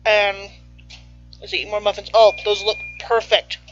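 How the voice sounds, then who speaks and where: A woman's voice: medium pitch, level tone, unhurried. A woman hosting a casual cooking stream in a home kitchen, chatty and playful, sometimes talking with her mouth full. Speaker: baking show host. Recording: slightly muffled, faint music behind.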